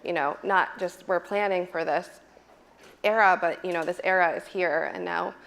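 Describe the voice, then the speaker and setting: A woman's voice: fairly low pitch, steady tone, moderate pace, creaky, fairly bright tone, rough recording. A woman professor on a panel speaking reflectively, with frequent "kind of" and "you know". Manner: reflective, with fillers and hedges like "kind of". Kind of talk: panel discussion.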